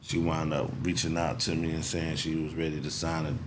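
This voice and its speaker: Rambling and relaxed, a forties-aged man hosts a casual talk show as a podcast host, leaning often on the filler "you know what I'm saying." He speaks a little fast in a rumbling low voice with flat delivery, over a noisy background.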